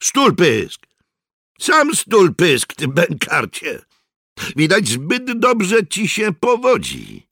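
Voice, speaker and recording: Mężczyzna czyta, grając młodego żołnierza-donosiciela o wysokim chłopięcym głosie, który bezskutecznie udaje bas. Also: male voice, huge pitch swings, a little slow, a bit bright, no echo, studio quality, full character voice. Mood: angry. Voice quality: high boyish voice straining for bass. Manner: mocking, smug. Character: young male SS informer, boyish, sly.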